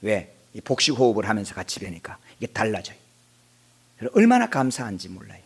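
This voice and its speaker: A middle-aged man preaching a sermon as pastor in a church, swinging between quiet asides and loud bursts. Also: on the low side, a little fast, husky. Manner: animated preaching, dropping to quiet asides then shouting out. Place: church sanctuary.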